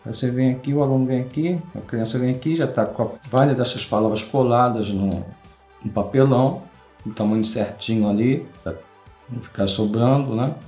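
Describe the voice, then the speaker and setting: A man's voice: medium pitch, a little fast, warm tone. A man with a Brazilian accent explaining a classroom craft game step by step, patiently checking in with his listeners after almost every phrase. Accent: Brazilian Portuguese. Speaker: craft tutorial host. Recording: roomy echo, faint background music.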